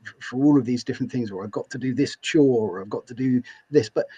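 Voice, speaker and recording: Guy hosting a chat, kinda husky voice, dull lo-fi sound, keeps restarting his words. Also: medium pitch, warm tone. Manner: enthusiastic, repeats words when starting sentences. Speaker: podcast host. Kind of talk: interview conversation.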